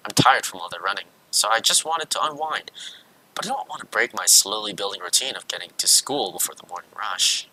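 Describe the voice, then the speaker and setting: A man's voice: lowish voice, expressive, a little fast, pushed and bright. A man streaming, reading a visual novel aloud with casual, self-mocking asides. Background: faint game music.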